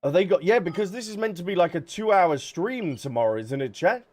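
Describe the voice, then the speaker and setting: A fairly quick, animated man with a high but slightly mellow voice streams a game live over its music. His chatter is casual and aimed straight at his viewers, whom he addresses by name.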